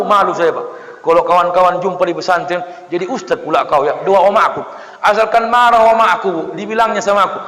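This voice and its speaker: A man preaching a humorous sermon, acting out villagers' voices and joking with the congregation. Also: sits high. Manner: lively, acts out voices of villagers, jokes with the audience. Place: mosque hall. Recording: echoey hall with long reverb.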